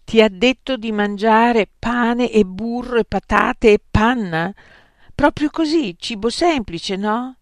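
A narrator voicing Arrow, an indignant, sharp-tongued heavy woman who asks cold, cutting questions in a storybook reading. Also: medium pitch, takes it slowly, no room sound, studio quality, voice pushed up.

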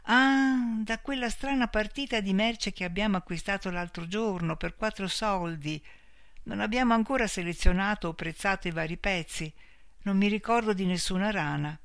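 A man's voice: high-pitched, normal speed, fairly bright tone, clear, resonant tone, no room sound, studio quality, pitched above the performer's own voice. A man voicing a polite young woman shopkeeper who is easily upset, speaking in a raised, fluttery voice for an audiobook. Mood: chatty.

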